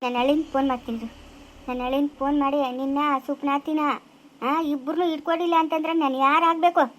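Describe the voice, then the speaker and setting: A woman's voice: sits high, steady tone, fast, fairly bright tone, a little hiss or hum. A woman playing a quarrelsome village woman who fights for her rights in a family drama, speaking with a rural Chikkaballapura Kannada accent and a scolding manner. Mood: bitter. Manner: scolding, fierce and indignant.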